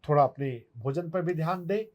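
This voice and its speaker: A man's voice: on the high side, fairly quick. A man, an acupuncturist who explains health remedies step by step as he answers viewer questions. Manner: instructive, step-by-step, demonstrates on his hand.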